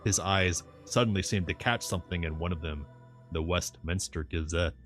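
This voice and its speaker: A man's voice: low voice, moderate pace, fairly bright tone. A man reading a novel aloud as a streamer, narrating it and dropping in casual asides. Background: faint background music.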